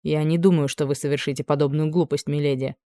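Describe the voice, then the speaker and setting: A reader voicing a devoted duke, lord of dragons, who murmurs softly to his wife and turns steely when crossed. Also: mid-range voice, fairly even intonation, fast talker, dry recording, close to an everyday voice. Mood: stern. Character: tender yet stern duke, lord of dragons.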